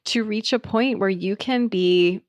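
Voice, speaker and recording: A woman's voice: medium pitch, unhurried, no room sound. A woman hosting an interview podcast, talking in an earnest, emphatic, affirming way. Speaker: podcast host. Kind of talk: casual interview chat.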